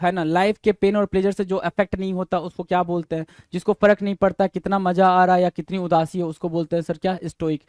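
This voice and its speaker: A man teaching an exam-prep vocabulary lesson, who reads definitions slowly, then explains in quick asides and spells words letter by letter. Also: sits high, darkish tone, dry recording. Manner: addresses listeners as "bhai".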